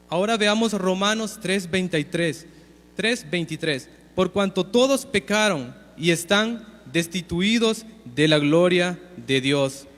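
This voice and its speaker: A man preaching an earnest, measured sermon and teaching from scripture to his congregation. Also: high-pitched, a bit bright, big-room sound. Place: church hall.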